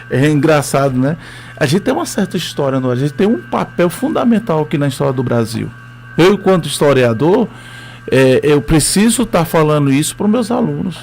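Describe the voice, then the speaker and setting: A history teacher with a Northeastern Brazilian accent tells his story as a guest in a radio interview, hesitant and full of fillers. His voice is fairly high, creaky and darkish in tone.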